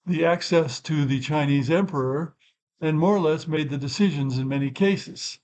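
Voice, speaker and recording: In a low-quality recording, an older man runs through a topic on his own channel, thinking aloud, rambling and amending what he says as he goes in this unscripted explanatory talk. His voice leans high with a slightly mellow quality.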